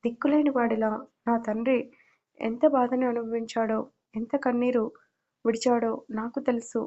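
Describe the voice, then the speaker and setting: A woman's voice: a little high, little pitch movement, normal speed, highs cut off, lightly acted. A woman voicing a furious, threatening young man. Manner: threatening, harsh. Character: furious young man guarding his grieving father.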